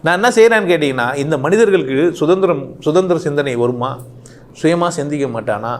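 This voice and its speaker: A man speaks in an impassioned monologue. His voice sits fairly high and leaps up and drops low as he stacks one rhetorical question on another. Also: brisk, a little hiss or hum. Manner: animated, rhetorical questions, rising and falling sharply.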